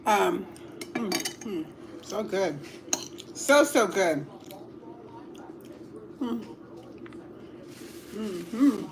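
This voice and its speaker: A middle-aged woman hosting a casual livestream at home, chatting slowly while eating and savoring each bite with hums. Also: medium pitch, creaky, background noise. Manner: slow and relaxed, savoring food with hums. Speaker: livestream host.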